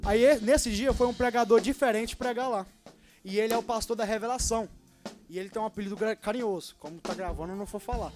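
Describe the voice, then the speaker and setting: A man in his twenties from Brazil preaching a sermon and telling his own story, swinging between loud and hushed. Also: sits high, fast talker, music in the background. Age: 20s. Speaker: young preacher. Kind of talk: sermon with personal testimony.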